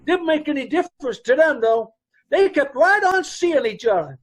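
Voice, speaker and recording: A man plays a nervous middle-aged dance hall owner, sounding uneasy as if in an old-time radio drama. The character rambles and fumbles his grammar, his high-pitched voice swinging broadly and very animated at a normal pace.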